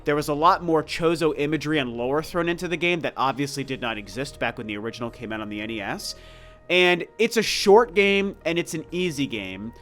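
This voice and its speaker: Sick with a cold, this man in his forties reviews video games with casual, emphatic opinions. His voice is a little high, fairly quick and a bit bright, though congested, stuffed-up and slightly scratchy.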